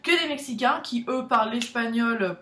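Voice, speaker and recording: A woman's voice: on the high side, moderate pace, a bit bright. A young woman from France, vlogging in a casual, chatty way, nervous and self-deprecating, often restarting her sentences. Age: young adult. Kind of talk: casual chat to camera. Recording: echoey room.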